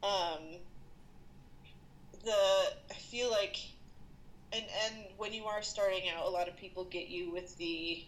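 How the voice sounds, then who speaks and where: Woman, freelance artist, casual chat, unhurried, slightly low, thoughtful. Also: steady tone, a bit bright, slight background noise, rough recording. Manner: thoughtful, many fillers and restarts.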